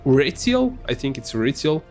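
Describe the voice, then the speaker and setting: A gamer whose first language is Serbian talks casually while he plays, his commentary halting and full of fillers and restarts. His mid-range voice is very animated with a darkish tone, and soft music plays in the background.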